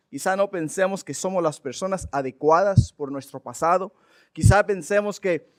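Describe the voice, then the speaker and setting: A man with a noticeably high-pitched voice leads a Bible study from the pulpit. He preaches earnestly and with emphasis, leaning on rhetorical questions to drive each point home. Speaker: pastor.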